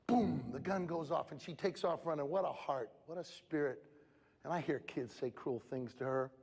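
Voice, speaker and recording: A man giving an animated motivational speech to students at a school assembly, exuberant and calling out to the crowd with sudden shouts. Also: on the high side, moderate pace, husky. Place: large school hall with student audience. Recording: echoey hall with faint crowd noise.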